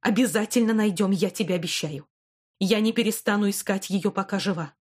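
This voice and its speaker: A woman's voice: medium pitch, fairly quick, close to an everyday voice. A woman reading an audiobook, voicing a caring but stern elderly grandmother who scolds and comforts her granddaughter. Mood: reassuring. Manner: warm but stern, reassuring. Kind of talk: audiobook character voice.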